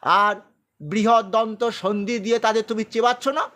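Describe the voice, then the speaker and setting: A preacher voicing an awestruck pleading warrior. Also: male voice, sits high, steady tone, normal speed, pushed and bright.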